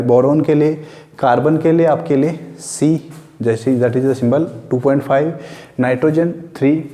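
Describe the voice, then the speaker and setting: A man's voice: on the high side, dark tone, big-room sound. A man teaching a chemistry lesson, repeating key points and putting questions to the class.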